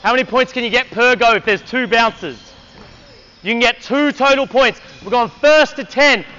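A man's voice: very high voice, moderate pace, pushed and bright, lo-fi sound, a little hiss or hum. A man coaching a basketball clinic on an indoor court, energetically calling out drills and counting down for players.

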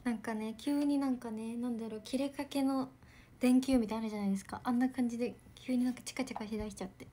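Young woman idol streamer, bubbly and giggly, soft casual chat with viewers, voice on the higher side. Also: fairly even intonation, fast talker. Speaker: idol livestreamer. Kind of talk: casual livestream chat reading comments.

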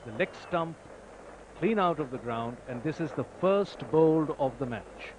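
A man with a fairly high voice calls a cricket match ball by ball, keeping a measured delivery until wickets fall, when his voice jumps in sharp, excited rises. The recording comes from a noisy old broadcast tape.

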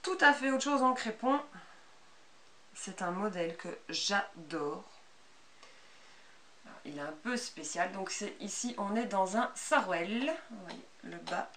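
In a mid-range, slightly bright voice, a Belgian French woman in her thirties chats animatedly but a little slowly, leaving long pauses as she shows her handmade clothes. It's an unscripted sewing vlog filmed in a small, bright room. The camera sits a couple of metres away, and its mic catches background noise.

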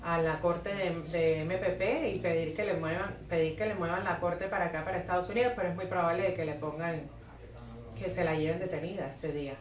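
A woman's voice: fairly low pitch, fairly even intonation, brisk. A young woman, an immigration lawyer, answering viewer questions with practical step-by-step advice and frequent self-corrections, seated at her office desk. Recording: echoey office, voice a bit distant from the mic.

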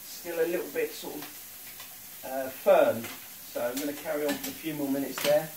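In a cooking demonstration recorded from across the room on a phone, a middle-aged home cook walks through each step in his kitchen. His pitch is fairly high and his speed normal, set against a noisy background. The audio is distant and roomy, with a pan sizzling and water boiling.

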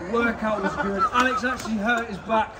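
A man's voice: high-pitched, steady tone, fairly quick. A young man, chilled from cold river water, chatting casually to live-stream viewers and rallying them as a fitness host. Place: outdoors, in and beside a park river. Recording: noisy outdoor recording.

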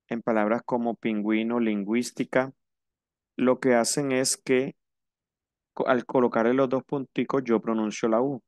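A man teaching a French lesson, slow and careful, repeating each word for his students. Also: mid-range voice, no room sound, clean studio sound. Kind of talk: language lesson.

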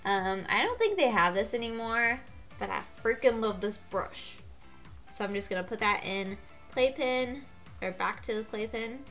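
A woman's voice: on the high side, animated, measured pace, pushed and bright, soft background music. A congested woman with a cold giving a chatty makeup tutorial, gushing and getting out of breath. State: gets out of breath. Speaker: beauty vlogger.

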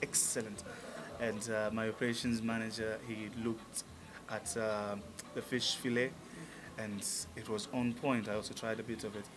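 A man's voice: on the low side, flat delivery, moderate pace, background noise. Upbeat male musician in a lounge. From Tanzania. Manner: upbeat, enthusiastic, many fillers. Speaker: musician guest. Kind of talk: casual interview. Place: restaurant lounge, indoors. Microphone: table mic on stand.

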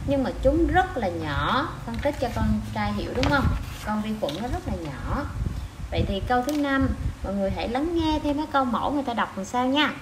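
A woman teaching an online language lesson to parents. She repeats short sentences slowly, one word at a time, and then explains them. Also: a little high, sing-song. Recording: echoey room with clear noise.

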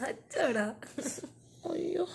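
A mother in a home vlog, soothing and pleading with her crying little boy in repetitive baby talk. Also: slow. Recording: loud noisy home recording. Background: toddler crying loudly.

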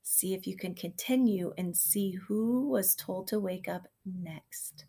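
A woman kindergarten teacher reading a picture book aloud to her class, gentle and expressive, sometimes dropping to a soft whisper. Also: mid-range voice, slow, slightly rough. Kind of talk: storybook read-aloud for children.

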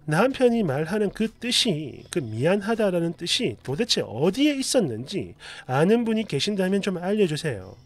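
A man dramatically reading an online post aloud as a storyteller, expressive and sarcastic with muttered asides. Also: sits high, moderate pace, few pauses.

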